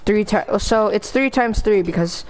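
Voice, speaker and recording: A woman's voice: medium pitch, measured pace, low-quality recording. A woman in casual gaming chat with a slangy, hyped gamer bro way of talking. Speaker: gamer playing co-op.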